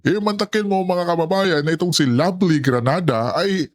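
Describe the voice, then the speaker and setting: A man's voice: high-pitched, normal speed, no echo, clean studio sound. A man hosting a casual reaction commentary, often addressing his viewers and laughing in asides. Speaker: commentary channel host.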